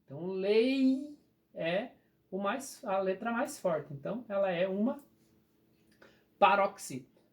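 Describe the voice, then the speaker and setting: An animated teacher at a medium pitch explains a recorded grammar lesson with patience. Her accent is Brazilian Portuguese, and she draws the key words out slowly.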